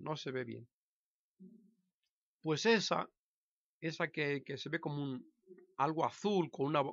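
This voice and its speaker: Older Spanish man, sixties, halting vlog monologue, slightly high voice, dry and muffled sound. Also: fairly bright tone, no echo. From Spain. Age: 60s. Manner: hesitant, halting, with frequent restarts and self-corrections. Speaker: vlogger telling his life story. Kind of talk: casual personal monologue to camera.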